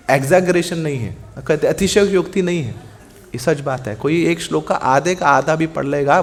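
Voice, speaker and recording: A man preaching a scripture class in Hindi, telling the story in a lively way, acting out the dialogue, asking rhetorical questions and mixing in words. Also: a little high. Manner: lively storytelling, acts out the gods' dialogue, mixes in English words; asks the audience rhetorical questions and answers them.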